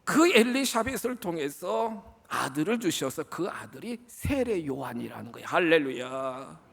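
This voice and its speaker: Male pastor, high gravelly voice, lively emphatic sermon delivery with sudden soft asides. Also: a little slow. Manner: emphatic preaching, swinging from loud exclamations to hushed asides; repeatedly addresses the congregation, asking them to repeat words. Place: church sanctuary.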